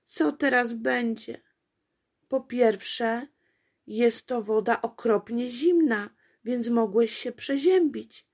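A woman's voice: a little high, slow, darkish tone, breathy edge, pitched above the performer's own voice, full character voice. A woman doing Apolejka, a fretful little princess. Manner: exclaiming, breathless worry. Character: fussy little princess girl, easily worried.

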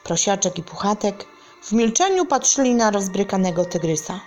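A woman reading a children's story aloud, gentle and deliberate. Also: mid-range voice, expressive, faint music behind.

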